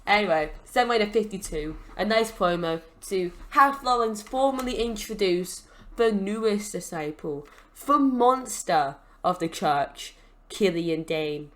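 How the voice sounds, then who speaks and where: A woman's voice: mid-range voice, animated, unhurried. A young woman giving rambling, chatty commentary on a wrestling management game as a gaming channel host. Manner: rambling, chatty, lots of fillers. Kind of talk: casual let's-play commentary.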